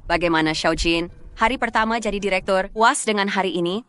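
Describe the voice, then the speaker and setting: A woman's voice: medium pitch, a little fast, fairly bright tone, clear, resonant tone, natural voice. A woman dubbing a haughty, commanding rich young heiress. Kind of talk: dubbed drama acting.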